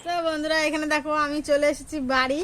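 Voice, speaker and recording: A young woman narrating a casual family vlog in a chatty way, talking softly to her young son at times. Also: sits high, flat delivery, fast talker, slight background noise. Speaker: family vlogger.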